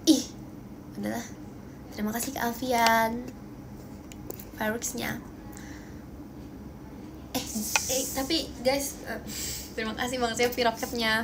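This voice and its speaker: A young woman with a bright, high voice and an Indonesian accent hosts a casual phone livestream, bubbly and playful as she thanks viewers and protests teasing comments. A faint background hum sits under her voice in the room at home. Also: flat delivery, measured pace, pauses often. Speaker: idol livestream host.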